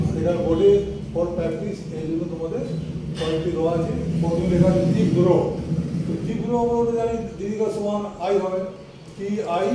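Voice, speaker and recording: High-voiced male teacher, echoey room. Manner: slow, patient explaining, often checking that students follow. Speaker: English teacher. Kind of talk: classroom lesson at a board. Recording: echoey room, voice from far off, faint hiss.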